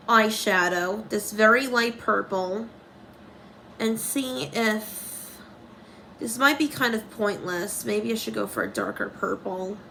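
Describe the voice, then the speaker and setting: A woman's voice: mid-range voice, fairly bright tone, a little hiss or hum, poor audio. A young woman talking through a casual makeup tutorial, rambling and commenting on herself, with dry sarcastic asides.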